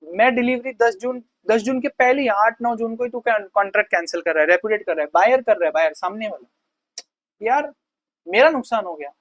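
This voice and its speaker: A male teacher giving a conversational law lecture. He reads definitions slowly, explains them quickly and casually, and keeps asking the class questions. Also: high-pitched, no echo, rough recording. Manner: asks the class rhetorical questions.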